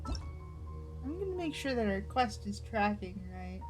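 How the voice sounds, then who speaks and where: A woman's voice: mid-range voice, very animated, slow, darkish tone, soft background music. A woman game streamer giving casual livestream commentary as she plays. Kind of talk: casual livestream gaming commentary, reading dialogue aloud.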